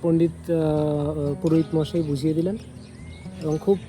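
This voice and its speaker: A woman chatting casually and explaining things haltingly, with some English words. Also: low-pitched, steady tone, dark tone, soft background music. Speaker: travel companion. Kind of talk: casual chat mixed with English.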